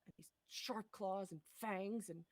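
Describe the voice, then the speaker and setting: A woman's voice: mid-range voice, unhurried, no echo, natural voice. Woman doing a desperate guy hunting a monster, urgent, begging for help. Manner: urgent, pleading.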